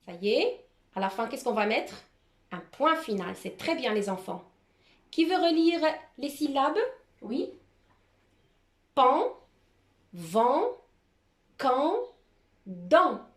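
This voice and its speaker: Slow, carefully articulating woman teacher. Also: high voice, lively intonation. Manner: slow, carefully articulated, repeats each word twice. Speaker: primary school teacher. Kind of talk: classroom dictation lesson. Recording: roomy echo.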